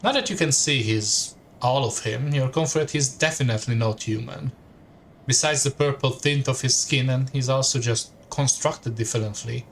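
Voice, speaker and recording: A man's voice: medium pitch, moderate pace, vocal fry, a little hiss or hum. A man streaming a story game, reading the text aloud in second person and adding casual asides.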